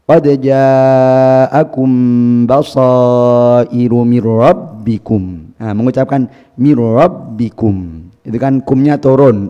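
A man teaching Quran recitation, explaining patiently and reciting Arabic verses slowly with stress. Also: medium pitch, mellow, in a large hall, muffled recording. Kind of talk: instructional talk with recitation demos. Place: pesantren hall.

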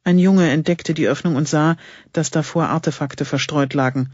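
A man reading the part of an eager, secretive male archaeologist in an audiobook, with a husky voice. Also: on the high side, normal speed, darkish tone, no echo. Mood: explaining. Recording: dull lo-fi recording.

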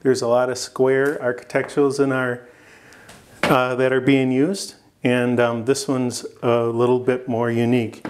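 A man in his forties walks through a product demonstration in a plain studio. He explains in a plain, unhurried way, with an occasional um or uh between points. His voice sits at a middling pitch for a man. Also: little pitch movement, background noise. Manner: plain, unhurried explaining with some filler pauses. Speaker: product presenter. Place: studio with plain backdrop, indoors.

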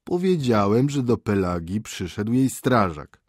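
A man reading an audiobook and voicing a grumpy, sleepy husband who grumbles gruffly. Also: fairly low pitch, very animated, unhurried, no echo, clean studio sound. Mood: grumbling. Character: grumpy, sleepy middle-aged husband, a prosecutor's assistant. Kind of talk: audiobook character voice.

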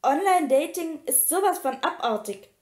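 Shrill, sneering teen stepsister girl in a storybook reading, high and loud, as a woman reader plays her. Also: lively intonation, normal speed. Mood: scornful shrieking. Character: mean shrieking teenage stepsister girl. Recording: roomy echo.

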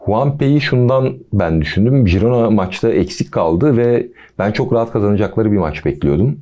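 Deep-voiced man chatting football. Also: moderate pace. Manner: relaxed, chatty, jokey asides. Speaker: football podcast host. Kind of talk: casual football talk.

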